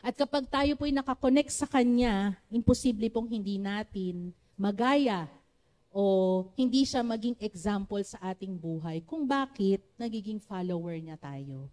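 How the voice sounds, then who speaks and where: A woman with a Filipino accent preaching a sermon to a church congregation, with a naturally loud voice, often calling on the congregation to respond. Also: medium pitch, expressive, unhurried. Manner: switches between Tagalog and English, asks the congregation for responses.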